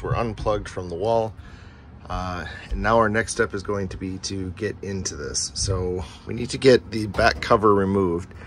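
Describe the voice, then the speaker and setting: In a noisy basement furnace room at home, a low-voiced man with a fairly bright tone hosts a casual DIY video, talking through a repair step by step in an informal way. It's picked up on a handheld camera's microphone, and the furnace room's background noise comes through.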